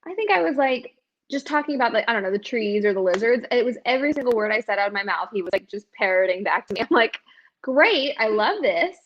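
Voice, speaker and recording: Young woman host; bubbly and expressive, high lively voice, dull lo-fi recording. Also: fast talker. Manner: bubbly, laughs a lot, expressive. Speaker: podcast host. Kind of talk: casual chat. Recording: dull lo-fi sound.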